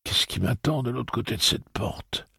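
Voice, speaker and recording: A man voicing a distraught, frightened young man who sobs and pleads in a shrill voice. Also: big pitch swings, takes it slowly, breathy edge, dry recording, clean studio sound, full character voice. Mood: quietly wary.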